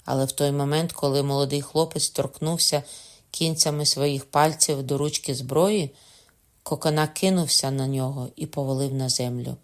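A woman narrating a classic novel as an audiobook reader, in a measured, expressive way. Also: extremely low pitch.

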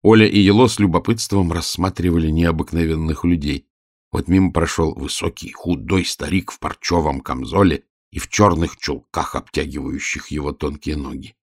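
A man narrating a storybook in a steady, expressive reading voice. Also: rumbling low, normal speed, dry recording, studio quality.

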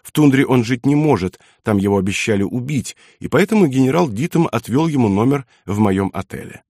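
A man's voice: mid-range voice, lively intonation, brisk, darkish tone, dry recording, studio quality. A man voicing a plump, languid German hotel landlady with a drawling, sing-song manner.

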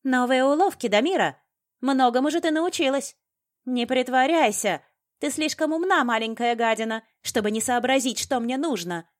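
Storybook villainess, shrill and frenzied, read by a woman narrator. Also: normal speed, natural voice. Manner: shrieking, demanding. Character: fanatical female villain, shrill and unhinged.

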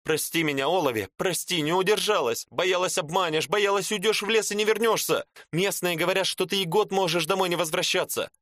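A frightened noblewoman begs tearfully in a raised, bright voice, as a man puts her on in a storybook reading. The sound is close and dry. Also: high voice, a little fast, hardly any pauses, no room sound, pitched above the performer's own voice. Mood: pleading. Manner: pleading, tearful.

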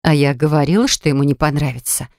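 A reader voicing a worried, gentle older wife and mother who speaks cautiously, in an audiobook. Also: medium pitch, fast, no room sound, clean studio sound, close to an everyday voice. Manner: cautious, soft-spoken. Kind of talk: audiobook character voice.

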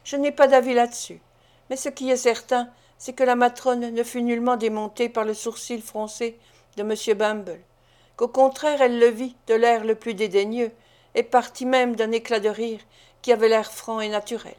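A woman narrating a classic novel as an audiobook reader, in a measured, expressive way. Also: a little high.

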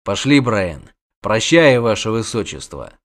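A man voicing a gruff, weary grown monster hunter, talking low, curt and measured. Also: sing-song. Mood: dry, mocking.

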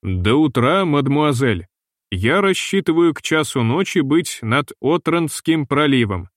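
A man reading a brisk, impatient young captain. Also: a little high, lively intonation, dry recording, clean studio sound. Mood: teasing. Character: young male ship captain, impatient and lively.

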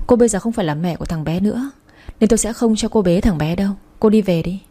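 A woman's voice: medium pitch, fast, warm tone, lightly acted. A woman reading a coolly composed wife. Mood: cool, controlled. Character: cold calm wife who got her revenge.

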